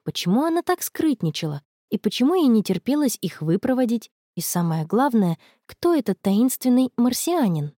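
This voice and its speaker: A woman narrating an audiobook in an expressive manner. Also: on the high side, moderate pace, hardly any pauses, dry recording, studio quality. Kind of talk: audiobook reading.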